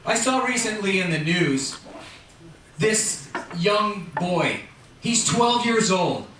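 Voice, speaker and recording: A middle-aged man doing a stand-up comedy routine at a live venue, animated and acting out characters in quick voices. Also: high-pitched. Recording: echoey distant live room mic with noise. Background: audience laughter.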